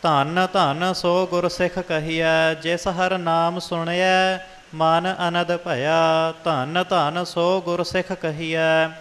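Man, slow scripture chant, monotone sing-song, reverberant hall, faint music. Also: on the high side. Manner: steady sing-song chant, flat and unhurried. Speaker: scripture reciter.

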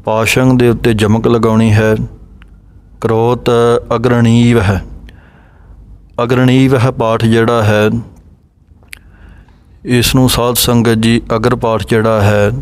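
A man teaching the correct recitation of sacred verses, reading each line slowly and then patiently explaining where to pause and how to pronounce each word. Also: medium pitch, little pitch movement, clean tone. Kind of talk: pronunciation lesson on sacred verses.

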